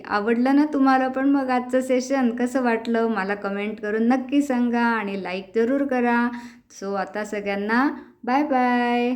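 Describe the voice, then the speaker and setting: A woman leading a children's laughter yoga session, calling out encouragement with many exclamations and bursts of laughter. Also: fairly high pitch.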